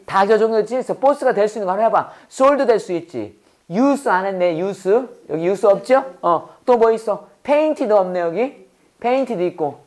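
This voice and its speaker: A man teaching an English lesson in casual classroom style. He keeps asking questions and answering them himself, and he reads English phrases slowly and deliberately. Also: high-pitched, expressive, darkish tone.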